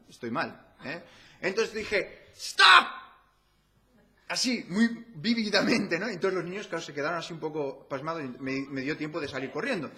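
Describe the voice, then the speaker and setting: Preaching in a church, this man speaks with a Spanish accent from Spain in a fairly high, fairly bright voice. His tone with the congregation is conversational, full of rhetorical questions.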